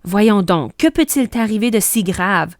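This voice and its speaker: A woman voicing a calm, reassuring mother in a storybook, speaking low and softly. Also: a little slow, no echo, clean studio sound. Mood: soothing. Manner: low and soft-spoken.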